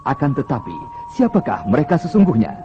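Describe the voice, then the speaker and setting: A man's voice: mid-range voice, sing-song, fairly quick, background noise. A man narrating in the theatrical, rhetorical storytelling style of an old radio serial announcer. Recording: dull lo-fi vintage radio serial recording. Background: music.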